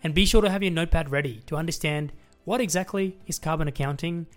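A man's voice: on the high side, quick pace, soft background music. A man hosting a podcast interview, asking questions in an upbeat, friendly way. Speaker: podcast host.

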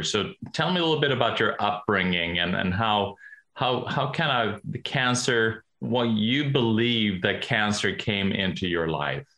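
A man's voice: on the low side, sharp tone, roomy sound. A man hosting an interview podcast, often repeating words as he asks his questions. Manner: hesitant, repeats words when asking questions. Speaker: podcast host.

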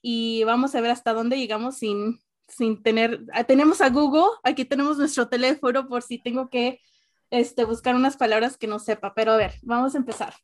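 High-voiced bilingual woman hosting a chat. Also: steady tone, moderate pace. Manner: chatty, mixes in English words, laughs easily. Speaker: podcast host. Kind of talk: casual conversational interview.

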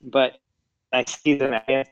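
A man's voice: mid-range voice, flat delivery, slow, smooth, dry recording. A man chatting as a podcast guest over a cell phone on Bluetooth that keeps cutting out. He talks in an easygoing, rambling way, with restarts and apologies. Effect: Bluetooth phone line cutting out. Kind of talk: casual chat. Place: outdoors at home. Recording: muffled lo-fi phone line, dry.

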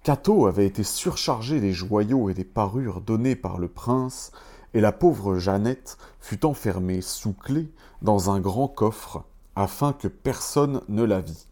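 Man, fairy tale reader, low voice, warm mellow tone, measured. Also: lively intonation. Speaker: storyteller.

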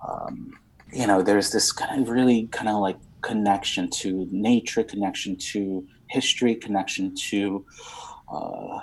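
A man's voice: on the low side, a little slow, a little hiss or hum, poor audio. A man in his thirties from Romania, talking in a rambling, searching way with lots of fillers and some casual swearing as an interview guest. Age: 30s.

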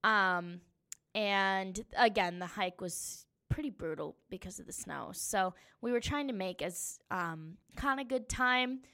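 A woman's voice: mid-range voice, unhurried, clean tone. A young woman telling a story of her hunt in a casual, chatty way, with many fillers. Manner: chatty, animated, lots of "um"s.

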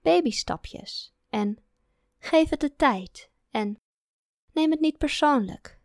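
A woman reading a calm adult sister giving measured, soothing advice in an audiobook. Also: sits high, no echo, studio quality, voice pushed up, full character voice.

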